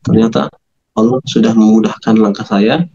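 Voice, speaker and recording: A man telling his conversion story in an interview, animated, acting out quoted dialogue in a raised voice. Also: on the low side, moderate pace, creaky, slightly rough, dull audio. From Medan, North Sumatra.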